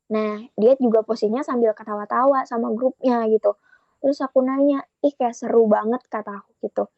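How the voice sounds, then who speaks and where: Casual young woman spilling a breakup story on a podcast, kinda high voice, dry close sound. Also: steady tone, fairly quick, dry recording, lo-fi sound. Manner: chatty, retells conversations with quoted dialogue. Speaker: guest sharing a relationship story.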